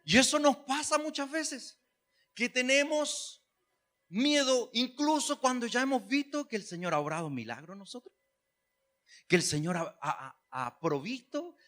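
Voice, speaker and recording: Male pastor, high bright voice, folksy humorous sermon delivery. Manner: conversational preaching with humor, rising to emphatic calls.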